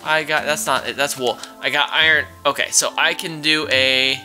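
A man's voice: fairly high pitch, steady tone, moderate pace, bright, forceful tone, soft background music. A man casually commentating a video game he plays with his child, chatty and exclaiming as he thinks aloud. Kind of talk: casual let's-play commentary.

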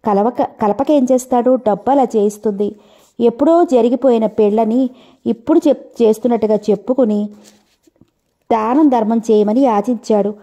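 A woman's voice: fairly high pitch, mellow. A woman narrating an old family novel as an audiobook, telling the story steadily and speaking every character in her own voice.

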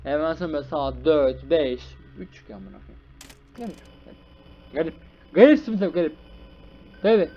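A young man hosting a gaming channel, giving excited live commentary on a horror game and scolding its characters. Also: fairly high pitch, normal speed, long pauses, muffled recording. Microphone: desk microphone.

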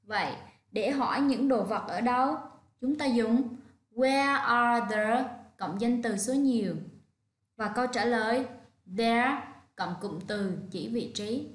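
A woman's voice: fairly high pitch, takes it slowly, echoey room. A woman with a Vietnamese accent teaching an online English lesson to children, patiently drilling each word. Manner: patient, clear drilling of words.

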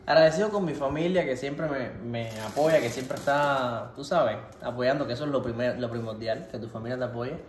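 Speaking fairly quickly in a mid-range voice with hardly any pauses, a Cuban-accented cooking vlogger in his 20s does a casual Q&A, keeping it playful and informal. The recording has the echo of a home kitchen and some faint background noise.

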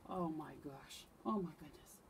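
A woman reading a picture book aloud to camera, expressive with dramatic pauses. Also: deep voice, noisy background. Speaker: storyteller.

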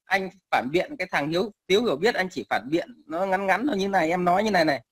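Angry caller with a bright, high voice. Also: male voice, lively intonation, fast, husky. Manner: angry, coarse, repetitive stammering. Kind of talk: heated call-in rant.

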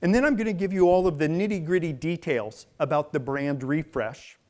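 A middle-aged man, here as a guest speaker, gives a brisk, conversational public lecture in a large indoor hall. His voice is a little high and darkish in tone, picked up first by a lectern mic and then by a clip-on as he walks around.

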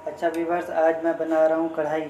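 Young man narrating his cooking, flat-voiced. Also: fairly high pitch, fast, lo-fi sound, a little hiss or hum. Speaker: cooking vlogger. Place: home kitchen. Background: frying and sizzling in the pan.

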